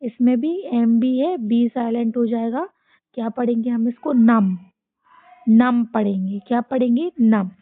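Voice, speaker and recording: A woman with an Indian accent and a slightly high voice teaches children phonics, asking questions and repeating each word for them to echo back. The sound is thin and phone-like, close and dry with no room around it. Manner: slow, drilling repetition with call-and-response questions.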